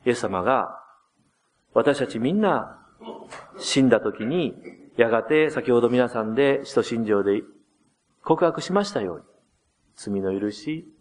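A man preaches to his congregation in a gentle, explaining way, his voice sweeping up and down with lively melody. His pitch sits in an ordinary middle register for a man, and he acts out quoted lines with shifts in tone. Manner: gentle, explanatory, addresses the congregation with soft tag endings; dramatizes quoted words with shifts of pitch and loudness. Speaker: pastor. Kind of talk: sermon.

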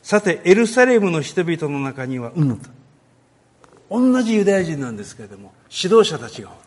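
A man giving a sermon on a Bible passage, talking in a lively way with many pauses and filler words. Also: a little high. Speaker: pastor.

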